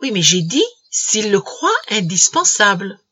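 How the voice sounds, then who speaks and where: A woman reading the part of a calm, plain-spoken older uncle in a storybook reading, keeping her tone even and dry. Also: medium pitch, unhurried, breathy edge, dull audio, full character voice. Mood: calm, patient.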